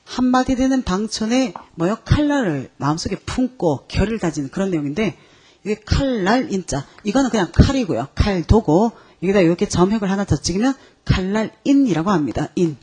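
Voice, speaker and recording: A woman's voice: medium pitch, brisk, husky. A woman teaching an exam-prep lecture on Chinese characters, quizzing her students and checking in with them again and again. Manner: lively, quizzing students with constant check-ins.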